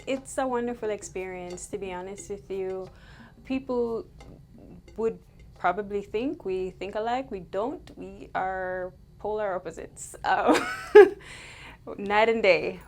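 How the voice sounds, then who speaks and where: A woman's voice: mid-range voice, a little hiss or hum. A woman from Jamaica, co-founder of a wellness business, speaking candidly and unhurriedly in an interview. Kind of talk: casual interview answers.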